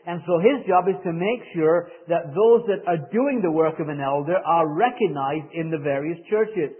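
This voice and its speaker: Male preacher, middle-aged, northern English accent. Fairly high, clean-edged but slightly husky voice avoided; measured Bible teaching over a thin, narrow-band recording. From northern England. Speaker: visiting preacher. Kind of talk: expository Bible sermon.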